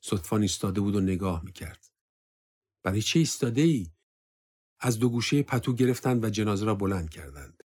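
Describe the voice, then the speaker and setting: Husky, low-voiced man reading a story. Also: animated, hardly any pauses, a little mellow. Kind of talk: audiobook narration of a war story.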